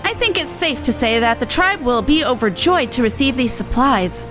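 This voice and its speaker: This is video game dialogue read aloud: a woman plays a young tribeswoman who is earnest, dutiful, and seasoned by the resistance. Her high, expressive voice comes across grateful and upbeat at a moderate pace, animated over background music.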